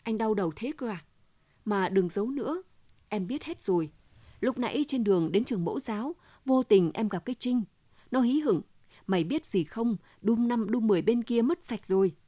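A woman's voice: on the high side, animated, normal speed, warm tone, no echo. A woman voicing a distraught wife who keeps pressing her husband for the truth, in an insistent, pleading manner.

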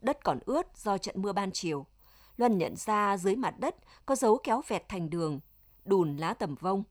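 A woman narrating an audiobook in a steady, measured way. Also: medium pitch.

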